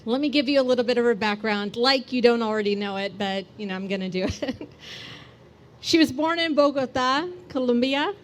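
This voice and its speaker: A woman with a fairly high voice emcees a fundraiser, introducing the next speaker. She reads a biography and breaks it up with light, joking asides. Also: fairly quick. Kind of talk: speech introduction.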